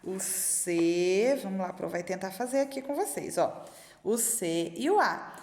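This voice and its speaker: A woman teacher with a Brazilian Portuguese accent, giving a recorded lesson to young children and slowly stretching out each syllable as she sounds out words. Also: mid-range voice, lively intonation, a little mellow. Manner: slow, sing-song explaining, stretching out syllables. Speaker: primary school teacher. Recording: echoey room with long reverb.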